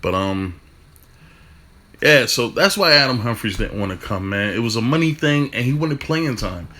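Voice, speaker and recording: Fast-talking man ranting about football. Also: mid-range voice, expressive, bright, forceful tone. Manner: fast, stumbling restarts, casual swearing. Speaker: football fan commentator. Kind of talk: casual opinion rant.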